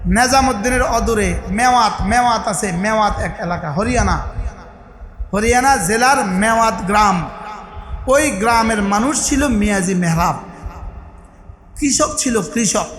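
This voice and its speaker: A man with a Bangladeshi Bengali accent preaching a sermon, calling on the crowd to answer back and rising to shouted emphasis. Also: sits high. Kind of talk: sermon at a religious gathering. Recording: echoey hall, sound system.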